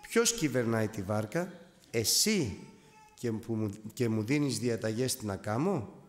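A man preaching in a sermon who voices the Lord as a calm, authoritative male voice, speaking low and measured. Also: lightly acted. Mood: calm questioning. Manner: slow, low, measured questioning.

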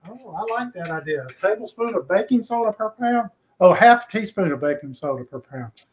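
A man's voice: high voice, animated, brisk, rough recording. A man hosting a casual cooking livestream, talking easily while he cooks. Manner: easygoing, talks while cooking. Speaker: cooking show host.

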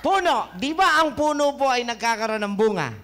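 A man hosting a health talk show as a doctor, giving a lively lecture in a studio, joking and quizzing his listeners with questions. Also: very high-pitched, moderate pace.

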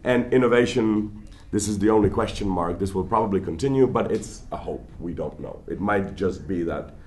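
A man lectures to an audience in a large hall in a loose, conversational way. His voice sits a little low, and he often stammers and restarts his sentences. The room adds a noticeable echo. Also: moderate pace, darkish tone, a little hiss or hum. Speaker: guest lecturer. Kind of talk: public lecture.

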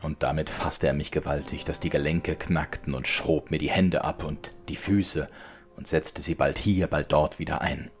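A man reading a classic tale aloud as an audiobook, in a measured, dramatic way. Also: extremely low pitch, fairly even intonation, soft background music. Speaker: audiobook reader. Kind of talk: scripted literary narration.

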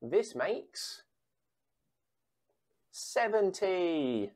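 She's a bingo caller for children practising times tables, reading sums followed by their answers. Her voice moves in lively pitch swings over a very slow, measured delivery, with pauses before answers and digits said again.

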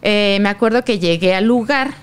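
A young woman with a Mexican Spanish accent telling a personal story in casual chat, animated and slangy, acting out what people said. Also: medium pitch, normal speed, clear, resonant tone. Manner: animated, slangy, acts out quoted lines.

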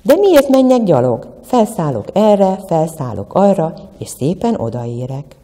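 A woman's voice: low-pitched, sing-song, long reverb tail. A woman voicing a round, chubby creature on a diet who sighs and then perks up eagerly. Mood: eager musing. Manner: sighing, then brightening eagerly. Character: round, chubby dieting creature, cheerful but sighing.

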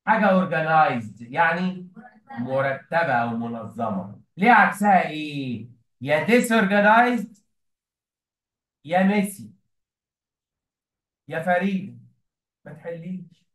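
A man's voice: fairly high pitch, lively intonation, unhurried, pauses often, fairly bright tone. A man with an Egyptian Arabic accent teaching an English lesson to a classroom of students, often prompting them with questions. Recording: echoey room, mic at a distance.

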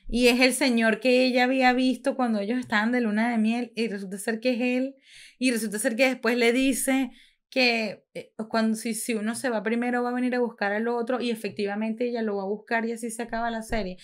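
A young woman co-hosting a podcast, chatting casually and retelling scenes in an animated, emphatic way. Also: on the high side, fairly quick. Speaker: podcast co-host. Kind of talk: casual chat.

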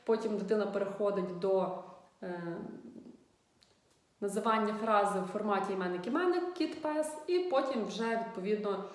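A young woman speech therapist explains step by step to parents, thinking aloud with frequent fillers. Her voice sits at a middle pitch. The room is very echoey. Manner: thoughtful, pauses with fillers, gives example instructions. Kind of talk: explanatory video lesson to parents.

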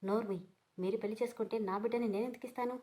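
Woman doing a hot-tempered young mom in a storybook reading, sharp and indignant. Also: fairly high pitch, fairly even intonation, rapid-fire, natural voice, poor audio. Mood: angry. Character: young mother, proud and quick-tempered.

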